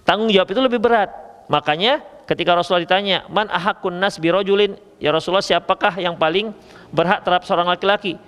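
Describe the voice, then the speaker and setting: Male preacher, Medan accent, playful lecturing, high lively voice, echoing hall. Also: fast talker, clear, resonant tone. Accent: Medan Indonesian. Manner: lively, joking, addresses listeners as ikhwah. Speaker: Islamic preacher. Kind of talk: religious lecture.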